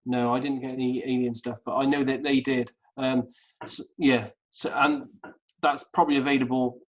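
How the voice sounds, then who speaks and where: A man hosts a casual group video call in an ordinary mid-range voice. He talks in a halting way, restarting and repeating words as he thinks. The sound is dull and lo-fi, like compressed call audio. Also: mid-range voice, little pitch movement. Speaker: host. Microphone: video call mic.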